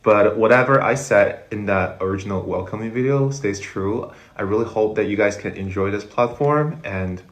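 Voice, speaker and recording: A man's voice: on the low side, moderate pace, hardly any pauses. A man from China, chatting casually to camera in a hesitant, friendly way. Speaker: co-creator of a couple's channel.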